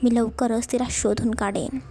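Storybook: woman as an earnest young policeman, calm and apologetic, husky-low. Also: moderate pace. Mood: reassuring. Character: earnest young male police friend, reassuring.

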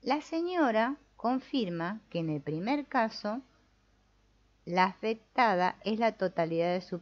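A woman, calmly reading out and explaining a therapy case, often adding little tag questions as she goes. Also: medium pitch. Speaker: spiritual self-help video host. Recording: dull lo-fi recording.

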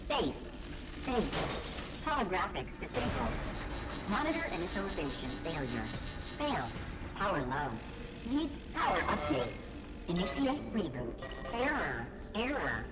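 A woman voicing a malfunctioning base computer in a video game, with a glitching robotic delivery, flat announcements and stuttering repeats. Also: on the low side, a little slow, low-quality recording. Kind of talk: video game cutscene voice acting. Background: loud game music.

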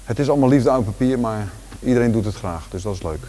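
A man in his forties with a Rotterdam Dutch accent, giving a relaxed walking tour of his large indoor gym, talking casually with lots of fillers and restarts. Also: medium pitch, quick pace. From Netherlands. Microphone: handheld camera following him.

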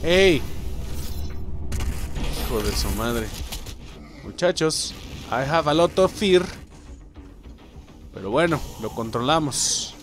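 Excitable Mexican man swearing through a game. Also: on the high side, slow, pauses often. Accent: Mexican Spanish. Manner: excitable, swears constantly, talks to the enemies and viewers. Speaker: gaming video host. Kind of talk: playing a shooter video game with excited commentary. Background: game music.

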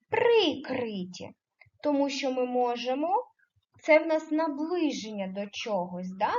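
Slow, lively-voiced woman teacher. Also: high voice, highs cut off. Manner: slow, deliberate, questioning children and affirming answers. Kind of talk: primary school grammar lesson.

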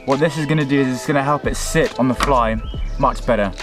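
A young adult man hosts a fishing vlog outdoors by a river, casually walking viewers through his steps and calling them folks and guys. His mid-range voice moves fast over music, recorded on a handheld camera held at arm's length.

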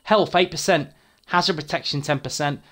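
In this build walkthrough, a young man who makes gaming videos talks through equipment numbers at a moderate pace, sounding keen and talkative. Casual profanity slips in, excitement makes him trip on words, and his pitch runs slightly above the typical male range.

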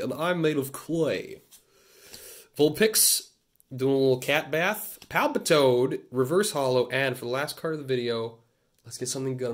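Wry Canadian man opening cards. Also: medium pitch. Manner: wry, deadpan asides, mock rants. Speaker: YouTuber opening trading cards. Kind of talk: casual card-opening commentary.

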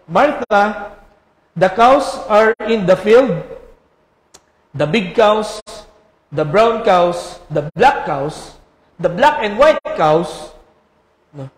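A man voicing a plain farmer who repeats lines in a drawn-out, sing-song way, recorded in a roomy church sanctuary. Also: high voice, lively intonation, exaggerated voice. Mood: exuberant. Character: plain male farmer mimicking a repetitive praise chorus.

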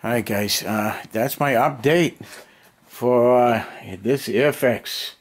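Speaking slowly in a mid-range voice, an American man in his fifties runs a hobby vlog from his basement hobby room. His casual, unscripted chat to camera comes in short muttered bursts of thinking aloud, picked up by a handheld camera near arm's length.

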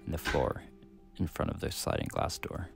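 A young man from Canada, vlogging with relaxed, rambling talk in a small wooden cabin and narrating over footage. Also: extremely low pitch, moderate pace, gravelly, breathy edge, soft background music. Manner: relaxed, rambling, thinking aloud. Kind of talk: casual vlog talk and scripted voice-over narration.

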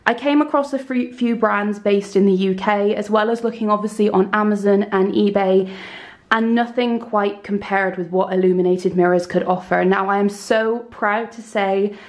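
A woman in her twenties from the UK, chatting enthusiastically on camera as she shows off her room, recorded on a handheld camera in a small bright room. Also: mid-range voice, steady tone, moderate pace. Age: 20s. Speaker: beauty YouTuber. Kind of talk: casual room tour vlog.

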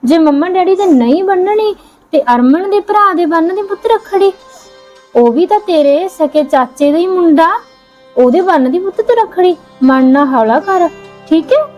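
A woman playing a caring mother who gently coaxes and consoles her daughter in an amateur short film, repeating endearments. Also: extremely high pitch, expressive, moderate pace. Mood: soothing. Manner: soothing, coaxing, repeats endearments. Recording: dull lo-fi sound, faint music.

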